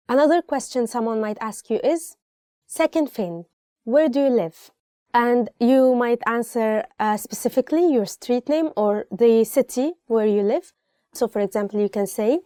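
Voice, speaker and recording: A young woman with a warm, fairly high voice, teaching phrases in a casual and chatty way. She explains each question and repeats it for the viewer. The sound is close and dry, recorded in a small indoor studio. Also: dry recording. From Egypt. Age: young adult. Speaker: language teacher. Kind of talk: casual spoken-Arabic lesson to camera.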